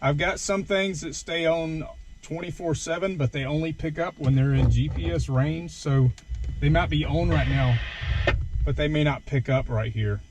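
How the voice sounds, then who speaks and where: A man with a slightly high, somewhat mellow voice speaks at a moderate pace while demonstrating his gear as a vlogger. His walkthrough, filmed inside a truck, is hands-on, informal and self-deprecating, with background noise from the vehicle coming through clearly.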